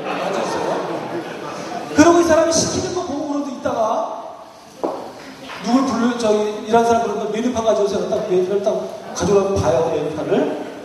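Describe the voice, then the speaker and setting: High-voiced guy lecturing a church crowd, keeps calling on people, echoey hall from far away. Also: fairly quick, long pauses. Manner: questions the audience and calls on people by title; tells anecdotes, acting out quoted lines. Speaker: family seminar lecturer. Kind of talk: interactive church seminar lecture. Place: large echoing hall with an audience.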